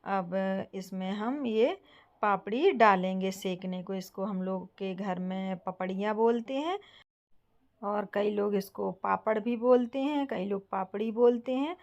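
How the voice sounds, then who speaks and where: A young woman from Bundelkhand hosting her home cooking channel, calmly explaining each step to viewers. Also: medium pitch, measured pace, lo-fi sound. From Bundelkhand, India. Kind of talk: casual cooking tutorial.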